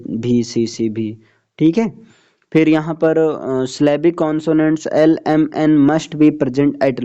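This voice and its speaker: Man teaching phonetics, dark dull sound. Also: medium pitch. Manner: mixes English reading with Hindi explanation, checks understanding. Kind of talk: phonetics lesson explaining slides.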